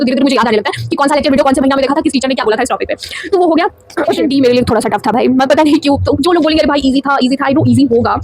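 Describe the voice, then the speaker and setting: Fast-talking high-voiced young woman vlogger. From India. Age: teens. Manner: rapid, animated storytelling with frequent Hindi-English code-mixing. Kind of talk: casual chat.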